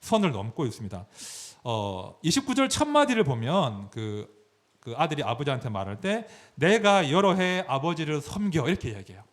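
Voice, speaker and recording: Animated male pastor preaching. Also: fairly high pitch. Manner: animated, explanatory, dramatizes scripture. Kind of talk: sermon.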